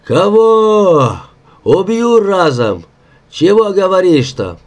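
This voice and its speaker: A man voicing a drunken, boastful old welder with a hoarse, growling voice torn from deep inside. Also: animated, slow pace. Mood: blustering. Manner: rustic boasting, shouting. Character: old male welder, drunken, blustering, toothless. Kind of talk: audiobook character voice.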